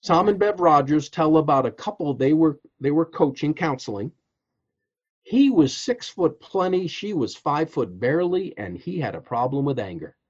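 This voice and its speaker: A man telling a story on a podcast as a guest coach, acting out the quotes with lively laughs. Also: on the high side, moderate pace, slightly rough, dull audio. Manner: animated storyteller, acts out quotes, frequent laughs.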